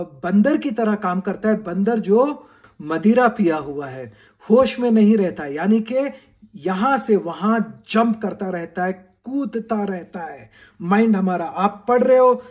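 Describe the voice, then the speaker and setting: A study skills coach with a high-pitched, slightly mellow voice talks straight to students in a video lesson. He checks in with "right?" and mixes English phrases into his Hindi.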